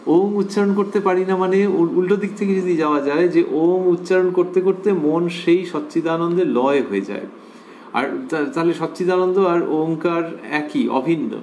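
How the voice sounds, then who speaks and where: Male scripture lecturer, a bit high-pitched, measured devotional delivery, light background noise. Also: a little mellow. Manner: measured and reflective, repeating key phrases; pauses with drawn-out fillers.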